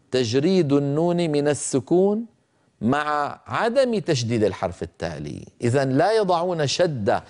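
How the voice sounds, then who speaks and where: A man's voice: mid-range voice, darkish tone. A middle-aged man giving a Quran recitation lesson, patiently explaining the rules and stretching out the example words as he chants them.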